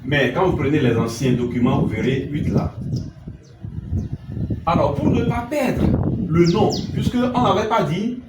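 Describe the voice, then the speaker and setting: A man's voice: fairly high pitch, measured pace, pauses often. A man teaching a music lesson, asking questions and answering them himself, and singing note names. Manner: sings note names in scales. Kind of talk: classroom lesson. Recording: echoey room, mic far off, loud noise.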